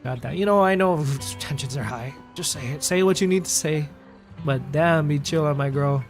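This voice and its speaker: A man's voice: a little high, normal speed, soft background music. A man casually reacting to a video game, hyper and joking, swearing and laughing a lot.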